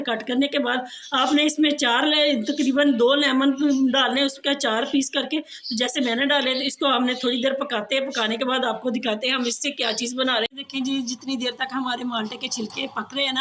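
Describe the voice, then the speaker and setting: This home cooking and tips vlogger, a woman with a Pakistani Urdu accent, has a high, steady, fairly bright voice and talks a little fast, with a slight hiss or hum in the recording. Coughing and sore-throated, she walks viewers casually through a kitchen how-to, chatty and repetitive, often saying ji to them.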